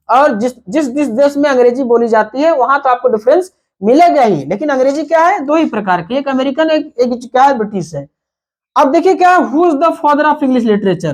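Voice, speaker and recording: High-voiced male teacher spelling words. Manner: repetitive, rhetorical questions. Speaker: English teacher. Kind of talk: explanatory lesson.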